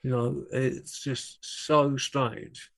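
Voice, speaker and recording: Slow, gravelly older man. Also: mid-range voice, steady tone. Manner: rambling, self-correcting anecdotes. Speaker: guest, rock drummer. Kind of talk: relaxed storytelling in conversation.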